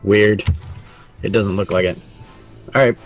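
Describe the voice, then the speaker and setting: Man at the game table, deep and unhurried, still groggy, mulling his moves aloud. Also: fairly even intonation, soft background music. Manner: slow, hesitant, thinking aloud with fillers. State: groggy morning voice. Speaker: player.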